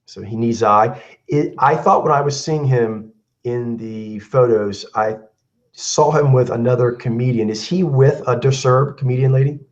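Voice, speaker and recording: A man hosting a casual online talk show over a video call, slightly hoarse from a cold, talking in a loose, rambling way with many fillers. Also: mid-range voice, normal speed, dull audio. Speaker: host.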